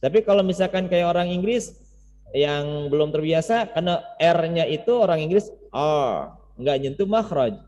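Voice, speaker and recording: A man with a slightly high voice teaches recitation in an informal, explanatory way. He repeats words and syllables as examples. The online class audio is dull and carries a long reverb. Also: expressive, normal speed, a little mellow. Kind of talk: informal lesson with chanted demonstrations. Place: online class over Zoom, reverberant sound.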